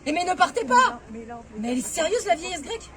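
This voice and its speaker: A woman comedian playing an exasperated shopkeeper in a sketch, brisk and quick to lose patience. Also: very high voice, big pitch swings, a crowd in the background.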